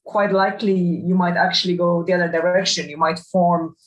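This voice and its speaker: Guest: middle-aged woman, low-ish voice, halting and reflective, distant roomy call audio. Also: level tone. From Poland. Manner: thoughtful, many fillers and restarts. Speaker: guest, professor. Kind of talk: interview over a video call. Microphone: video call.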